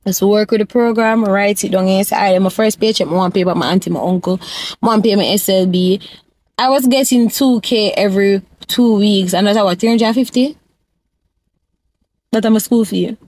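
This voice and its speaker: A woman's voice: medium pitch, normal speed, a little mellow, dry recording. A young woman from Jamaica with a Jamaican accent, giving casual advice in a vlog and mixing patois into her English. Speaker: vlogger.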